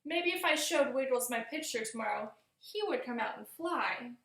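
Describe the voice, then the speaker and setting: Reading a picture book to young children, a female teacher uses her high, creaky voice for expressive storytelling addressed to them, at a moderate pace. A clear echo fills the room.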